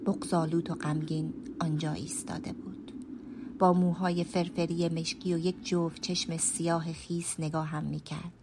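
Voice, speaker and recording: A woman who is a storyteller and writer tells a first-person radio story in a deep, flat voice, hushed and measured, at times sinking to a whisper. There is noise in the background.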